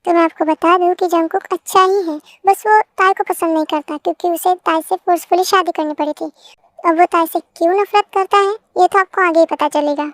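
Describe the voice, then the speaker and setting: A woman narrating her fan dub in a chatty way, speaking straight to the viewers. Her voice sits very high and her delivery is casual. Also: steady tone, brisk, no room sound, clean studio sound.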